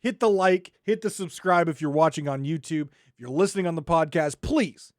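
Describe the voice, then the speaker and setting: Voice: mid-range voice, normal speed, dry recording, clean studio sound. A podcast host delivering an exasperated, sarcastic ranting monologue into a microphone.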